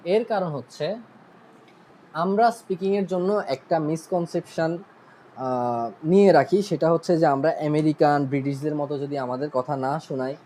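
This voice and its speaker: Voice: medium pitch, moderate pace, dark tone, slight background noise, rough recording. An IELTS teacher from Bangladesh with a Bangladeshi Bengali accent, giving a casual online lesson in a chatty way, often checking in with listeners, stopping to correct itself and mixing English terms into the explanations.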